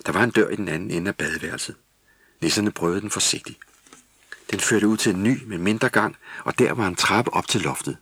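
A man narrating a Christmas children's story in steady, scripted storybook style. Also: low voice, breathy edge, dry recording.

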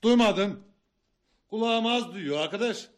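High-voiced, grumpy village man. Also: measured pace, faint music behind. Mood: defiant, irritated. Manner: curt, argumentative. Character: grumpy, defiant hard-of-hearing male villager. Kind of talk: radio play acting.

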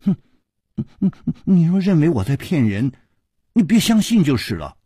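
A smug little servant boy, acted by a male storyteller teases and sneers, sliding between a low murmur and bright jabs. The husky voice is close and dry. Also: huge pitch swings, moderate pace, dry recording, exaggerated voice. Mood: sly, teasing. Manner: teasing, smug, soft sneering asides. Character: sly, mocking boy servant.

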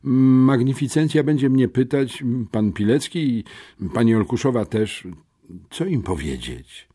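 A man's voice: medium pitch, big pitch swings, a little slow, dark tone, slightly rough, pitched above the performer's own voice. A man voicing a pampered teenage schoolboy sports champion, anxious and pleading.

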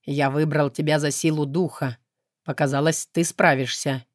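A woman's voice: low-pitched, dry recording, clean studio sound, natural voice. Woman voicing a cool detached demon. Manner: unhurried, detached, flat delivery. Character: calm aloof male demon, cool and self-assured. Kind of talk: audiobook character reading.

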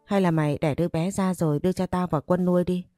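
A woman voicing a jealous, cruel young wife who threatens and taunts in a low, warm voice. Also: fairly even intonation, fast, dry recording, clean studio sound, faint music behind, close to an everyday voice. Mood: taunting. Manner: taunting, menacing.

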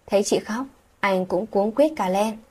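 A woman's voice: medium pitch, normal speed, dark tone, husky. A woman telling a late-night story aloud, reading every character's lines herself.

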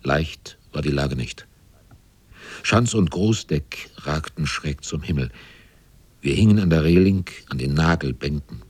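A man's voice: rumbling low, lively intonation, measured pace, slightly rough, no echo. A man narrating a sea story in a radio drama, grave and intense.

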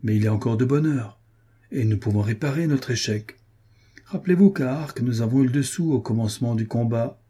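A calm, commanding king, read out by a man narrating a storybook. The voice is dark and husky, steady and sure of itself. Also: medium pitch, a little fast, close to an everyday voice. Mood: resolute. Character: jovial, commanding adult male king.

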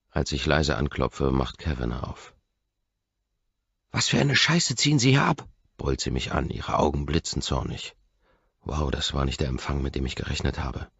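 A man with a very low, husky, gravelly voice narrates an audiobook in steady, intense first person. The recording is dry and slightly dull. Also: no echo.

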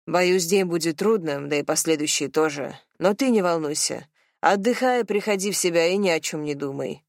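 A woman's voice: on the low side, normal speed, vocal fry, no echo, studio quality. Composed, businesslike man in an audiobook, read plainly by a woman. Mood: calm. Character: composed, businesslike older man, former fiancé.

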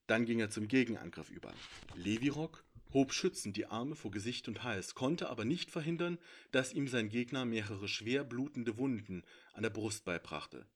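A man narrating his own fantasy story in a measured storytelling manner. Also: fairly low pitch. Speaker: author and narrator. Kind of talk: audiobook narration.

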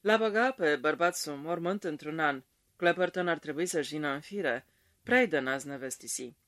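A man voicing a blunt old gentleman with a hoarse, trembling voice. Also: a little high, close to an everyday voice. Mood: gruff. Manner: blunt, chuckling.

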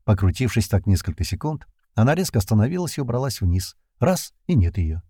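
Man narrating with a dark, low voice. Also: big pitch swings, fairly quick, breathy edge, dry recording, studio quality. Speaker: audiobook narrator. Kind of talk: first-person audiobook narration.

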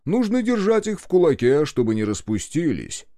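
A smug police sergeant, as a man acts him out, gruff and stern, sometimes dropping low and slow. The voice is dry and up close. It is a storybook reading. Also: very animated, dark tone, no room sound.

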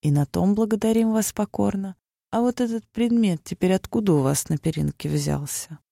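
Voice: mid-range voice, normal speed, creaky, dark tone, no room sound, clean studio sound. A reader voicing a suspicious merchant husband who speaks in insinuating threats. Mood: menacing. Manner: menacing, insinuating.

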